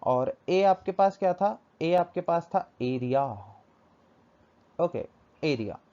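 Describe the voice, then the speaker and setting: A man's voice: a little high, lively intonation, slow, mellow. A male teacher giving a physics lesson, asking questions and answering them himself, repeating key terms. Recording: dull lo-fi recording.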